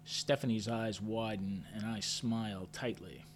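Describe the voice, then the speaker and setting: A man narrating a story in first person with a measured, understated delivery, lifting sharply when his character asks questions. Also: fairly low pitch, fairly even intonation, slight background noise. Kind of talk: audio drama narration.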